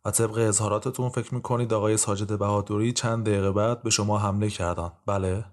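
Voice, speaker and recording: A man voicing a stern, impatient male judge who questions in brisk, curt sentences. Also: on the low side, steady tone, natural voice.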